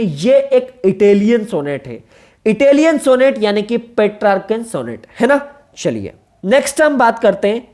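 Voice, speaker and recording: A woman's voice: fairly high pitch, a little mellow. A woman teaching an exam-prep literature lecture, explaining step by step, repeating key terms, spelling them out letter by letter and checking in with rhetorical questions.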